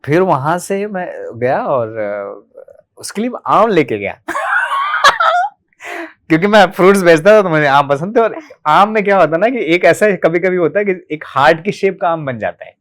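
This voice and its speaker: A man in his thirties from Delhi, a podcast guest telling his life story in a candid, animated way and acting out remembered dialogue. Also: on the high side, moderate pace. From Delhi, India. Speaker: podcast guest, martial arts practitioner.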